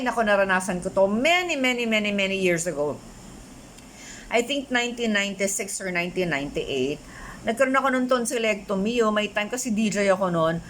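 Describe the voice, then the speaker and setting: Chatty Filipina health vlogger. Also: female voice, mid-range voice, slight background noise. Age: middle-aged. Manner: chatty, switches often between Filipino and English, animated asides. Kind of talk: casual talk to camera.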